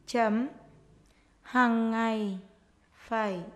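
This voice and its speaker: Woman teacher dictating very slowly. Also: a little high, steady tone. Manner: dictating short phrases slowly, word by word, repeating each. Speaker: primary school teacher. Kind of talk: dictation lesson for young pupils.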